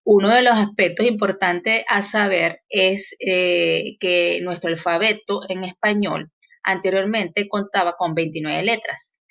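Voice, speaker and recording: A woman's voice: medium pitch, a bit bright, highs cut off. A woman teacher explaining grammar in a recorded lesson, with fillers and self-corrections.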